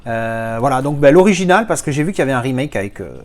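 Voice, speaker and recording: A man's voice: medium pitch, lively intonation, quick pace. A man from France chatting casually as he unboxes his latest movie discs, rambling with playful asides.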